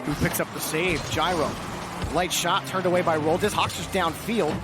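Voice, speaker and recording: A man's voice: fairly high pitch, steady tone, normal speed, heavy background noise. A man doing esports play-by-play commentary as a caster, calling the action in clipped phrases.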